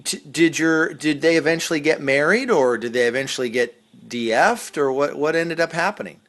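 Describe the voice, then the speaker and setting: A man's voice: fairly high pitch, moderate pace, a bit bright. Hesitant male interviewer. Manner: hesitant, with restarts and fillers. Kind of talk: casual interview questions.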